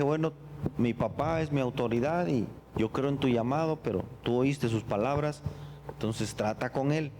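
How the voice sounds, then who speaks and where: A middle-aged male pastor with a slightly higher-than-usual voice tells his own story in a sermon. He is earnest and reflective, often stumbling over repeated words. A faint hum of room ambience sits behind him. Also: warm tone. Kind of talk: personal testimony in a sermon.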